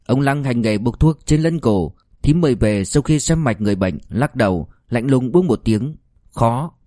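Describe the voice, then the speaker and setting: Man, audiobook narrator, steady telling, medium pitch, dry close sound. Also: moderate pace, no room sound. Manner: steady storytelling, voices characters.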